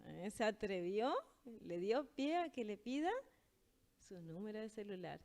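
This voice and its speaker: A woman teaching in a casual language lesson, explaining patiently and slowing down to read example phrases. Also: mid-range voice, animated, a little mellow.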